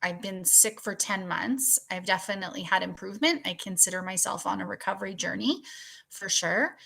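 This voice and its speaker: A woman's voice: medium pitch, brisk, creaky, sharp tone, husky. A woman in her forties from Canada, describing fatigue and recovery in an interview, matter-of-fact. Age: 40s. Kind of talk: recalling illness in an interview.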